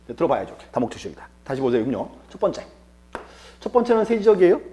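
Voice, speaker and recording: A man's voice: a little high, big pitch swings, very fast, background noise. A male lecturer teaching an exam-prep class, asking rhetorical questions and answering them himself, repeating key terms for emphasis.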